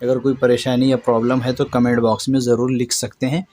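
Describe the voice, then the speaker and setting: A patient man teaching a reading lesson, who draws out each word slowly and repeats it, then explains briskly and corrects common mistakes. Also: medium pitch, flat delivery, mellow, slight background noise. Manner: slow drawn-out recitation of words between brisk explanations.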